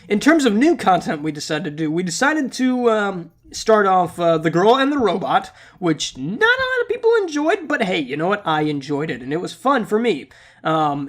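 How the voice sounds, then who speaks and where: Congestion leaves this young gaming-channel host slightly scratchy and nasal as he delivers an update vlog. His voice is high, and his talk is casual, rambling, playful and self-deprecating.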